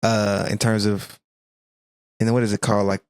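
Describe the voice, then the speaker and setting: A man's voice: lowish voice, little pitch movement, normal speed, darkish tone, smooth, no echo. A man with a Southern US accent, co-hosting a music reaction video and talking loosely, often searching for words. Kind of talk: casual chat.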